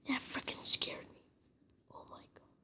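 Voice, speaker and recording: A woman whispering casual game commentary from bed, with excitable outbursts. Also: a little slow. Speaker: gameplay commentator. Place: in bed at home at night.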